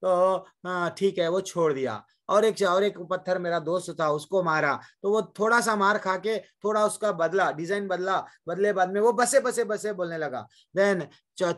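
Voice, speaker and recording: A man's voice: fairly high pitch, fairly bright tone. A man giving a devotional sermon to a class, asking rhetorical questions, addressing listeners as mothers and brothers, and mixing English words into his Hindi. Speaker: devotional speaker.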